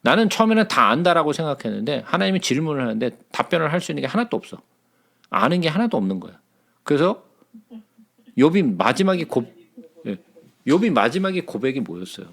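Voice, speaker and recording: Gravelly man leading a lively Bible study. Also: a little high, brisk. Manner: conversational, checks in with listeners often.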